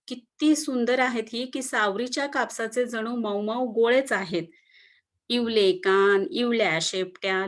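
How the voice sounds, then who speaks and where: A woman teacher reading a textbook lesson aloud to children, explaining each word with synonyms and checking in with them often. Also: medium pitch. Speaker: school teacher.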